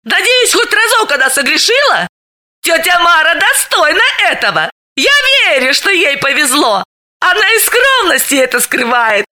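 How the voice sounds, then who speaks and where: Picture a brash, bawdy woman friend, as an audiobook reader puts her on, her voice shooting up high and sharp. She yelps and cackles, swinging wildly up and down as she jokes. The reading is bright and forceful. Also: big pitch swings, moderate pace, full character voice. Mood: excited, indignant. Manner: squealing, shouting, laughing through the lines. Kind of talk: audiobook character voice.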